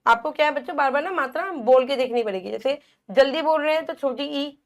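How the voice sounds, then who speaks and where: A woman's voice: high-pitched, fast. A woman teacher giving a Hindi phonics lesson to young children, repeating words and stretching the vowel sounds, asking questions and answering them herself.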